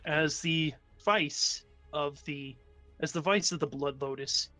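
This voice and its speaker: A man narrating a tabletop game as game master, often halting and correcting himself. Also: a little high, pushed and bright, soft background music. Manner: halting, self-correcting delivery.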